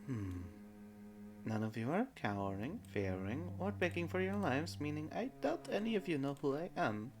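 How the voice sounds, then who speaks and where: A man's voice: on the high side, big pitch swings, normal speed, over music. A man voicing a short winged goddess in a tabletop game, composed, stately and self-important. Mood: haughty, puzzled. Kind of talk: tabletop role-play.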